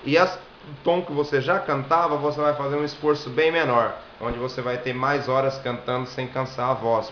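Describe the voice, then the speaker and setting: A Brazilian man giving a singing lesson, explaining step by step and demonstrating vowel sounds. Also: mid-range voice. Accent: Brazilian Portuguese. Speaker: singing and viola teacher. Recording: echoey room, dull lo-fi sound, faint hiss.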